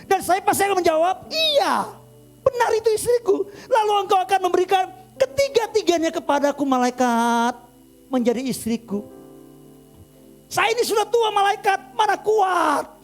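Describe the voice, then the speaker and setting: A man voicing a frail old grandfather who pleads and cries in a high, tearful voice, in a sermon story. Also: big pitch swings, moderate pace, faint music behind. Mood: pleading.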